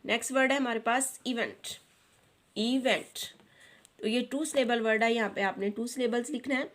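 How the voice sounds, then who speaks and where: A woman's voice: on the high side, fairly even intonation. A woman teacher with a Pakistani accent, explaining a children's English textbook lesson and translating each English line into Urdu. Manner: reads English lines slowly, then translates each into Urdu.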